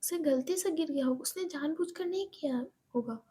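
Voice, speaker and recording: A woman voicing a kindly older aunt who speaks gently and slowly. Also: sits high, close to an everyday voice. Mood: soothing.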